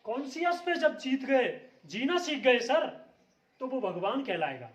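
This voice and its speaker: High-pitched man giving an emphatic motivational talk. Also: big pitch swings, a little slow, a bit bright, reverberant. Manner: emphatic, rhetorical questions answered himself. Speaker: motivational speaker. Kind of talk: motivational speech.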